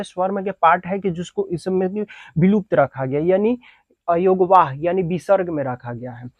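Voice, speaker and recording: A man's voice: sits high, no room sound, lo-fi sound. A male teacher giving a Hindi grammar lesson, who repeats each definition several times and asks and answers his own questions.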